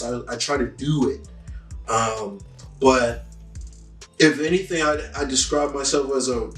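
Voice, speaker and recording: A young man with a mid-range voice answers interview questions in a laid-back, rambling style, plugging every gap with "um" and "like". Sitting a little back from the mic, he sounds distant in an echoey room, with faint music playing underneath.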